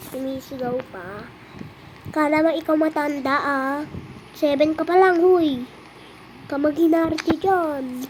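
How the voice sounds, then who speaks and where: A gameplay streamer giving casual, excitable commentary with teasing chatter and frequent exclamations. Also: sits high, noisy background.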